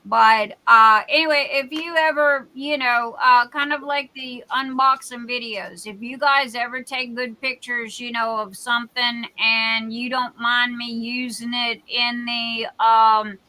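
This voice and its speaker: A woman in her sixties chats casually on a livestream from her home, rambling from one thought to the next. Her voice sits a little high and sounds bright and sharp. She talks slowly and takes her time. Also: steady tone, poor audio. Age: 60s. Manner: chatty and rambling, often drifting off topic. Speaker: livestream host and craft shop owner.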